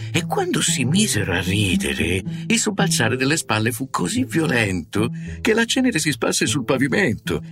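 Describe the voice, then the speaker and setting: A man narrating a short story with a wry, ironic manner. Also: lowish voice. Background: guitar music.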